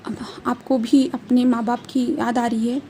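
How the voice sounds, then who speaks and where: A woman's voice: a little high, flat delivery, moderate pace, dark tone, a little hiss or hum, close to an everyday voice. A woman reading the part of an affectionate young man in a fan story. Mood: tender.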